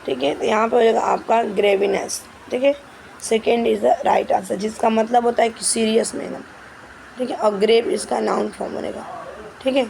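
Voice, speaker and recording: A woman's voice: a little high, fairly even intonation, gravelly, a little mellow, a little hiss or hum, poor audio. A woman teacher explaining English grammar questions in Hindi, stepping through each answer and often checking with "ठीक है". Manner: reads English questions slowly and carefully.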